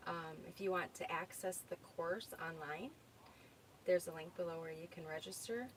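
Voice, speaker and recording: A woman's voice: lowish voice, steady tone, normal speed, rough recording. A woman with a Minnesota accent hosting a casual livestream, reading viewer comments and thinking aloud as she searches for things. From United States. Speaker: livestream host. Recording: faint background noise.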